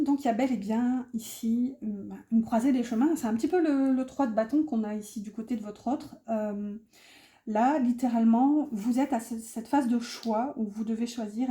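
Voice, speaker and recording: A woman's voice: on the high side, mellow. A woman giving a casual tarot reading, talking straight to her viewers with plenty of hesitant fillers. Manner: chatty, hesitant with many fillers, addresses viewers directly. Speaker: tarot reader.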